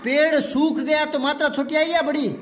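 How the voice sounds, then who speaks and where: A man's voice: extremely high pitch, steady tone, normal speed, a bit bright. A man teaching a classroom lesson, patiently repeating words for the children to learn. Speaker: Hindi teacher.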